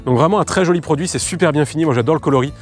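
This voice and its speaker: A young man gives a casual fishing lure demo outdoors, talking in quick, loose explanations full of fillers. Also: on the high side, soft background music. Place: outdoors by the water.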